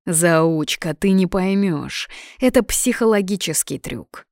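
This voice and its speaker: A woman's voice: fairly low pitch, lively intonation, takes it slowly, darkish tone, no room sound, clean studio sound. A woman voicing a cocky young male student who jokes and teases. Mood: teasing. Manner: teasing, playful.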